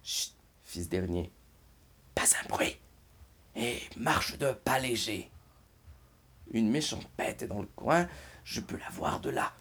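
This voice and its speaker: A man voicing a frightened bear in a children's storybook, whispering in a hushed, urgent way. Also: lowish voice, big pitch swings, measured pace. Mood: scared. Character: frightened bear warning of a beast.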